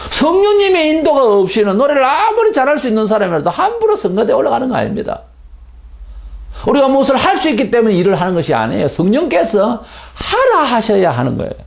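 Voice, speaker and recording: Gravelly, animated Korean sermon-preaching man. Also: high voice. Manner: emphatic preaching with wide swings between raised and dropped voice. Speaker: pastor.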